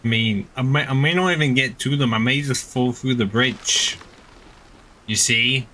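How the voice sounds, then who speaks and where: In a rough recording with a little hiss or hum, a man comments casually on a video game he's streaming, reading dialogue aloud. He sounds exasperated, sardonic, and nitpicky, his mid-range voice pushed and bright at a moderate pace.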